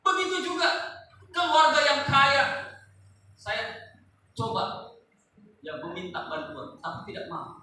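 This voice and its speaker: High bright-voiced man preaching in echoey hall. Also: big pitch swings, slow pace, pauses often, far from the mic, a little hiss or hum. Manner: preaching with sudden loud rises and quiet asides, addressing the congregation. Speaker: pastor. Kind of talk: sermon. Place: large church hall.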